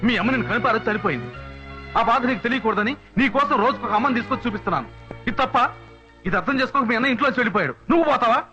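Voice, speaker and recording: An actor playing a drunken rich father who scolds and shouts, slurring at times, on a dull film soundtrack. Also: very high-pitched, lively intonation, racing, faint music behind, full character voice. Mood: angry. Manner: switches between shouting and slurred English.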